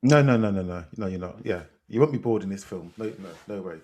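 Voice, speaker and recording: A man's voice: deep voice, expressive, brisk, darkish tone. A British man co-hosting a film podcast, easygoing and agreeable, often answering with "yeah" and "mm". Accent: British, London slang. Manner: laid-back, agreeable, many "mm" and "yeah" replies. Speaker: podcast co-host. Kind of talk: casual chat.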